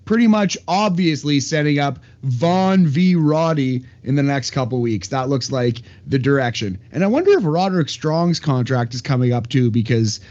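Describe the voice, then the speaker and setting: A man's voice: mid-range voice, lively intonation, moderate pace, hardly any pauses, darkish tone, dull audio. A man co-hosting a casual wrestling podcast, talking in an easygoing, rambling way. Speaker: podcast co-host. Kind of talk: casual wrestling recap chat.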